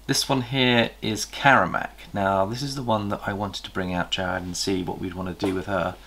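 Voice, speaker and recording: A man's voice: low-pitched, steady tone, bright, forceful tone, slight background noise. A middle-aged man, hosting a chatty snake-breeding vlog from an indoor reptile room. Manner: chatty, enthusiastic, pauses to recall details. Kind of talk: casual show-and-tell vlog. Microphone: camera across a table.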